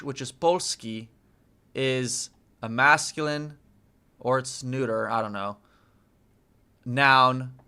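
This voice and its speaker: A man who is a native English speaker practices Polish with an English-speaking accent, thinking aloud casually, repeating phrases slowly and checking himself with questions. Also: mid-range voice, pushed and bright, clear, resonant tone. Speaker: language learner streaming his study.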